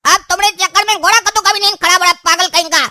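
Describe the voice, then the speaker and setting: A woman's voice: extremely high pitch, steady tone, very fast, a little hiss or hum, heavily acted. A woman voicing a hot-tempered young son in a cartoon, hurling insults. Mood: angry. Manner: rude, shouting insults. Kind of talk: cartoon dubbing.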